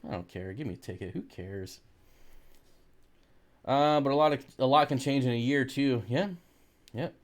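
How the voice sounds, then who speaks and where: A male American livestreamer casually reads out viewer comments and replies with laid-back humor. He speaks at medium pitch and normal speed, leaving long pauses.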